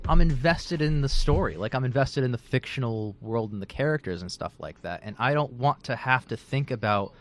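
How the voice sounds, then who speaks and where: A man's voice: medium pitch, lively intonation, brisk, hardly any pauses. A man in a casual debate, chatty and loose, with lots of filler words and restarts. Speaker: author and debater.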